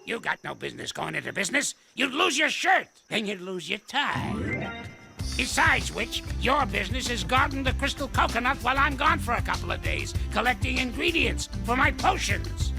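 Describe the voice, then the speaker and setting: A cranky old ape from a cartoon series, with a high, gravelly voice that crackles like an old man's. He swoops wildly up and down as he scolds and hurls insults. Music plays clearly behind him. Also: very animated, moderate pace, full character voice. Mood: grouchy scolding. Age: older. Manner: scolding and name-calling, swooping wildly in pitch. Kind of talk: cartoon voice acting.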